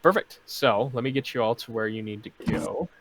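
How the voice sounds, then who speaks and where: Casual male game master, mid pitch. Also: fairly quick, gravelly. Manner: casual, hesitant with many fillers. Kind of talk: narrating a tabletop game.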